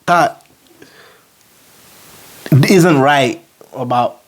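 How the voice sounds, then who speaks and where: A man hosts a relaxed podcast conversation. He tells stories with plenty of slang, moving between hushed tones and excited bursts. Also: mid-range voice, very slow. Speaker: podcast host. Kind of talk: casual chat.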